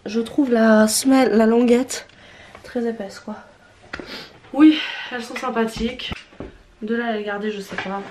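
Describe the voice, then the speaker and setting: A young woman with a Swiss French accent, her nose stuffy from a cold, talks through unboxing and trying on clothes for her vlog, hesitant and frank, with frequent fillers and restarts. Her fairly high, darkish voice keeps a fairly even intonation at a measured pace with frequent pauses. Faint noise and a roomy sound surround her.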